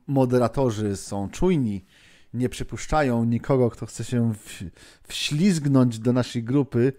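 A man's voice: medium pitch, creaky, warm tone. A man hosting a live-streamed lesson, thinking aloud with many fillers and restarts, chatting with viewers and moderators as he goes.

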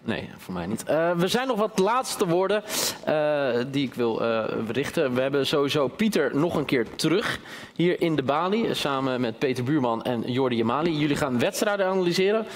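A man's voice: a little high, animated, moderate pace, hardly any pauses, slight background noise. A man moderating a live event, making casual announcements with a hesitant, filler-heavy manner.

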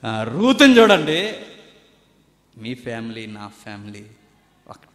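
A man preaching a sermon, swinging between loud emphatic lines and quiet asides, acting out the voices he quotes. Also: mid-range voice, very animated, slow pace. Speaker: pastor. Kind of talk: Telugu sermon. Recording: roomy hall with long reverb.

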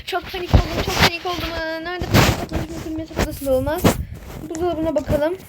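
A woman with a high voice narrates her game role-play, muttering to herself in frantic bursts. Clear background noise and clicking run under her voice. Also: flat delivery, fast. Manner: frantic, panicky self-talk.

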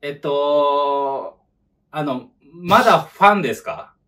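A man's voice: a little high, big pitch swings, takes it slowly, pushed and bright, recorded from a distance. A man in his thirties chatting informally as a video host, slightly away from the microphone. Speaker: YouTube host. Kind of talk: casual chat. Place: home kitchen.

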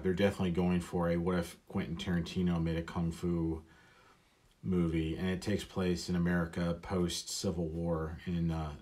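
A man's voice: low voice, a little mellow. A man talking casually and rambling as he inks a drawing, often mocking himself. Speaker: illustrator. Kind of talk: casual talk while drawing.

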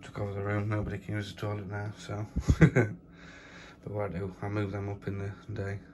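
A man with a low, monotone voice talks casually through a phone walk-through of his plot, full of fillers. Wind and outdoor noise sit clearly behind him. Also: fairly quick. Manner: chatty, plain-spoken, full of fillers. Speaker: allotment vlogger. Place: windy allotment outdoors, then a room at home.

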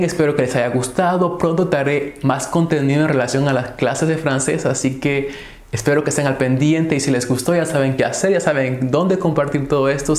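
A man giving an online French lesson, repeating each French word slowly and clearly so the listener can copy the pronunciation. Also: a little high, a little mellow. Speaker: French teacher. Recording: echoey room.

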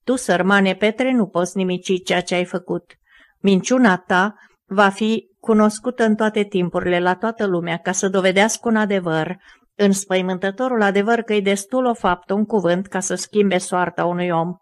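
A woman reading the slow, gentle, solemn lines of a mild male sage. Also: mid-range voice, fairly even intonation, lightly acted. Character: gentle calm male sage, speaking mildly.

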